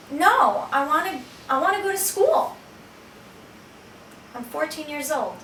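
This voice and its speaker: Bright-voiced woman telling her story. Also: high-pitched, slight background noise. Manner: earnest storytelling with frequent restarts. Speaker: speaker giving a talk. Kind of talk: personal testimony talk. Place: small shelter room. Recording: echoey room from a distance.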